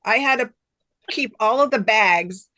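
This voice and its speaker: Speaking unhurriedly in a sharp, fairly high voice, a guest author chats casually and enthusiastically in an interview, full of effusive warmth. She's middle-aged or older and has grandchildren.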